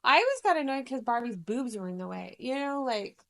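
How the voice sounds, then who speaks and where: A woman co-hosting a podcast in a soft-spoken, casual way, often murmuring agreement. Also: on the high side, very animated, a little fast. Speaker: podcast co-host. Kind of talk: casual chat.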